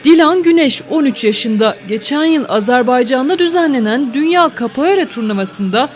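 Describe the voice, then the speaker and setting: High-voiced woman narrating a news feature. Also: animated, moderate pace, music in the background. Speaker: reporter narrator.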